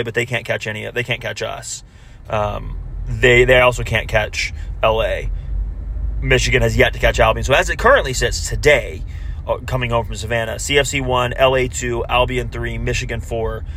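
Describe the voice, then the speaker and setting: A man co-hosting a casual soccer recap, correcting himself as he goes, heard on low-quality audio recorded while driving in a car. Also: a bit bright, a little hiss or hum. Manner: talks through standings with frequent self-corrections. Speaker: podcast co-host. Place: moving car.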